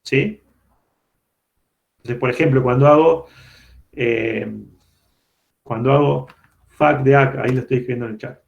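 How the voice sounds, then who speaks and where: A man's voice: mid-range voice, steady tone, measured pace, gravelly, pauses often. Argentine man teaching over a dull call. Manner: explanatory, checks in with students often. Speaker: university lecturer. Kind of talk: online programming lecture. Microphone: computer mic on a video call. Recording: dull lo-fi video-call audio.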